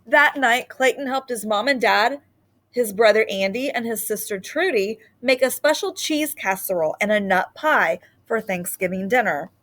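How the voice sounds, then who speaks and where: Reading aloud from a children's picture book, a woman speaks at a normal speed in a slightly high voice, bringing expressive storytelling flair.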